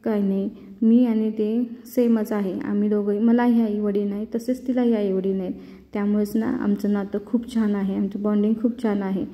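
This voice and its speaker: A woman's voice: medium pitch, flat delivery, moderate pace, warm tone, lightly acted. A woman voicing a worried young man who anxiously pleads with his fiancée, heard with long reverb.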